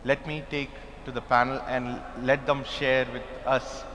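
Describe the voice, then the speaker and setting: A man's voice: mid-range voice, flat delivery, measured pace, a bit bright, muffled recording, a little hiss or hum. A man moderating a panel discussion, formal and announcing. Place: large expo hall. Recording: hall reverb, faint ambience.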